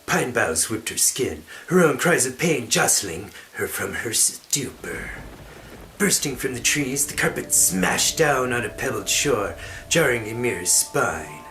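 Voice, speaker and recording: Slow, hammy male dramatic narrator. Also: medium pitch, pushed and bright, rough recording. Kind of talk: dramatic scripted narration of a fantasy novel. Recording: music behind the voice.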